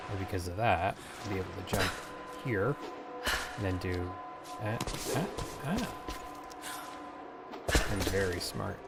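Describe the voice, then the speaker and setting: A man's voice: sits low, a little slow, long pauses, over loud music. A man hosting a let's play, giving rambling, filler-heavy casual gameplay commentary.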